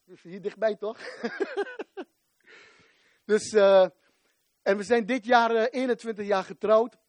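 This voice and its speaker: A man in his forties preaching a fervent sermon, rising to shouts at the climaxes. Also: sits high, steady tone, moderate pace, dry recording.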